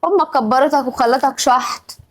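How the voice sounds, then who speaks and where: A woman's voice: sits high, normal speed, rough recording. A young Egyptian woman with an Egyptian accent, acting in a family drama, scolding over and over and growing emotional. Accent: Egyptian Arabic. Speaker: regular of the show.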